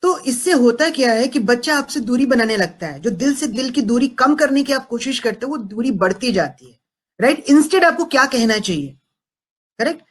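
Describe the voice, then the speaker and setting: A parenting coach with an extremely high, expressive voice speaks at a moderate pace to an audience. Switching between Hindi and English, he keeps checking in by asking "am I right?".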